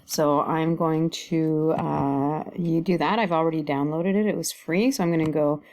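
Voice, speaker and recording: Woman, middle-aged, slightly low voice. Informal how-to host, thinks out loud through on-screen steps. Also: steady tone, normal speed. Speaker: tutorial host. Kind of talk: casual screen-recorded software walkthrough.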